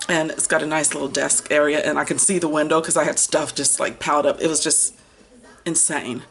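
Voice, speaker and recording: An American book vlogger in her fifties rambles casually to the camera, chatty and animated, drifting onto tangents and stretching out words for emphasis. She has a low voice with vocal fry and a brisk delivery.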